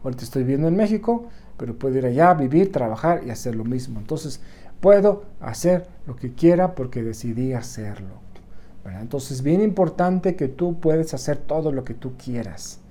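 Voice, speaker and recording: A man with a Mexican accent gives a casual motivational talk straight to his viewers. His voice is dark and mellow, and he keeps adding a quick "right?" to his sentences as he urges people to keep going. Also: medium pitch, lively intonation. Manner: encouraging, talks straight to the viewer. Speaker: motivational vlogger.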